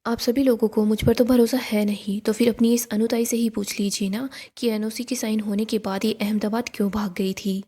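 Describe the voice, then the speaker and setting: Woman reading as a scheming woman politician, defiant, insistent, accusing, mellow voice. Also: on the high side, fairly even intonation, normal speed, hardly any pauses, breathy edge.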